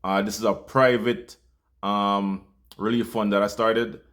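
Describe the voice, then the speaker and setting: Jamaican guy, lowish voice, talking from the heart to his viewers. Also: flat delivery, unhurried, fairly bright tone. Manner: heartfelt, loose with fillers. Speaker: channel host. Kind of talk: earnest appeal to viewers.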